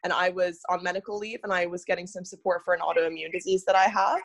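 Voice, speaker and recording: A woman's voice: lowish voice, steady tone, fast talker. Young woman, from Singapore, podcast guest, thoughtful, casual talk. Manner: thoughtful, many fillers and restarts.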